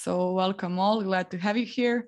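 A woman's voice: medium pitch, fairly even intonation, fairly quick, a little mellow. A young woman from Croatia, a developer relations engineer, giving a friendly step-by-step technical presentation over a video call, with frequent fillers and small laughs. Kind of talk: live online technical presentation. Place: home room on a video call. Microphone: video call webcam mic.

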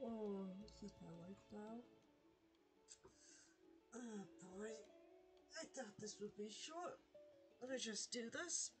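A woman's voice: a little high, animated, very slow, pauses often, music in the background. A woman streaming a game late at night, tired, reacting to it with frequent laughter and exclamations. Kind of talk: live gameplay commentary.

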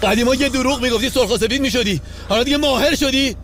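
An actor playing a jealous, possessive husband who argues in a heated, accusing way. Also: male voice, very high-pitched, a bit bright, a little hiss or hum. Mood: angry.

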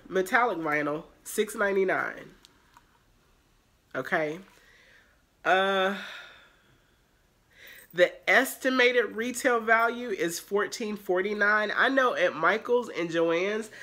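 A woman's voice: on the low side, fairly bright tone. Nasal, congested woman vlogging. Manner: rambling, filler-heavy talk. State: congested with allergies. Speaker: haul vlogger. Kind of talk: casual chatty vlog.

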